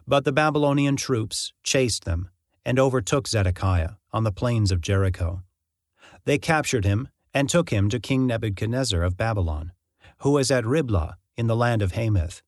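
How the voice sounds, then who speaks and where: A man's voice: mid-range voice, no echo. Man reading scripture, dry and close. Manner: even, measured reading. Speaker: scripture reader. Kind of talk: scripted Bible narration.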